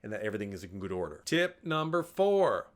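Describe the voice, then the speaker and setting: A man hosts a tech video, explaining hardware tips in a casual, jokey way while holding up parts, recorded indoors on a camera mic. His voice sits on the low side and moves fairly quickly, with occasional casual swearing and lively bursts of volume at each new tip heading.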